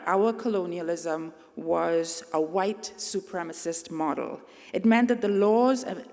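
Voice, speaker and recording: A middle-aged woman from Trinidad and Tobago, giving an earnest, measured commencement address at a podium microphone. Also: fairly low pitch, creaky, a little mellow. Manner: earnest, measured, speaking to a crowd. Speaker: convocation speaker. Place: large convocation hall. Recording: long hall reverb.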